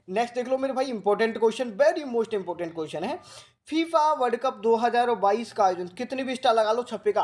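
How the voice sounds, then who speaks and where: A male coaching teacher from Rajasthan. He gives a current affairs lecture, speaking slowly and repeating key facts as he drills his students. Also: very high voice. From Rajasthan, India. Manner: slow, repetitive drilling that coaxes students like a big brother.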